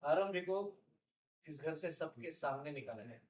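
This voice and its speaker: A decisive family patriarch. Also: male voice, fairly high pitch, lively intonation, unhurried, poor audio. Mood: grave. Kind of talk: TV serial drama scene.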